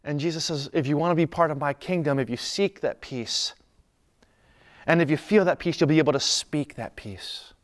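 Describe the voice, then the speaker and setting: A man preaching a sermon in an earnest, conversational way, dropping to soft, calm lines. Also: on the high side, moderate pace. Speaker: pastor.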